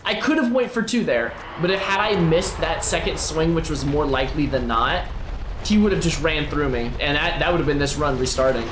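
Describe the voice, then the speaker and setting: A man giving playful, animated commentary while playing a video game, with sing-song asides. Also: on the high side, fairly quick, echoey room, background noise. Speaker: gameplay streamer. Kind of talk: casual gameplay commentary.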